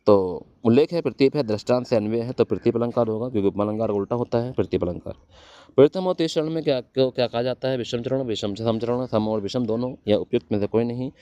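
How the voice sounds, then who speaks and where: Male coaching-class teacher, rattling through quiz answers at speed, warm and clear, dry slightly dull recording. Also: mid-range voice, fast. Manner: quizzes students, answers own questions. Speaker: exam-prep teacher. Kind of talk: fast exam-prep lecture.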